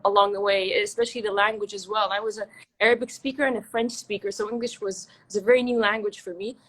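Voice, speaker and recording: A woman's voice: on the high side, poor audio. A young woman from Egypt, a guest in an interview, talking in a reflective, chatty way. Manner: chatty, restarts and fillers, reflective. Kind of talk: casual interview.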